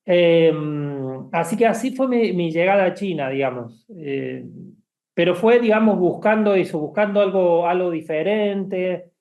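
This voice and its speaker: Hesitant man, slightly high voice. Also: expressive, unhurried, narrow, tinny audio. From Argentina. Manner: hesitant, many fillers and restarts. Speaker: guest, bookshop founder. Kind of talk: casual interview chat.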